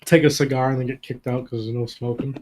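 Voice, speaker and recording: An adult man running a tabletop game on a voice call, narrating in halting bursts full of fillers and restarts. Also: medium pitch, little pitch movement, a crowd in the background. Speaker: game master.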